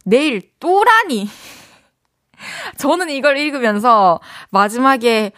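A woman DJ with a southeastern Korean dialect chats warmly and laughs a lot while reading and replying to listener messages at the studio mic. Her voice sits high and is expressive, slow, and a bit bright, with no echo.

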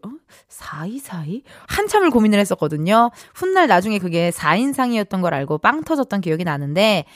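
A young adult woman hosts a radio show from a studio, bubbly and playful as she chats and reads listener texts using acted voices. Her pitch is fairly high, and the studio mic gives a dry sound with no echo and faint music behind.

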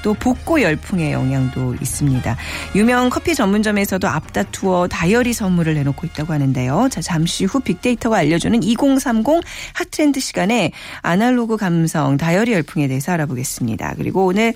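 A woman's voice: on the low side, expressive, brisk, hardly any pauses, a little mellow, faint music behind. A woman from South Korea hosting a radio talk show in a polished, conversational announcer style.

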